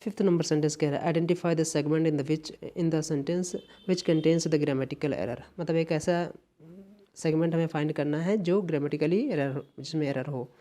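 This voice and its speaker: Here an exam-prep English teacher with an Indian accent talks a little slowly, his warm voice on the high side and fairly even in intonation. He goes through the material patiently, repeating key phrases.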